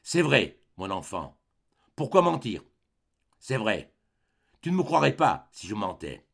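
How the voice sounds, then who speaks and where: A man's voice: very animated, creaky, slightly rough, full character voice. A man voicing a broken, resolute mother. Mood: grave. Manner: low, quiet and heavy, with slow grave phrasing. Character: broken middle-aged mother, grimly resolute.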